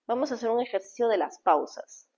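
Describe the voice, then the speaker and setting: A woman's voice: on the high side, brisk, husky. A woman, an image consultant teaching public speaking in a live stream, talking straight to viewers and shifting her tone and pace to show how. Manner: expressive, varies tone and pace to demonstrate, addresses viewers directly. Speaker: image consultant and communication coach. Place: indoors, streaming live from home.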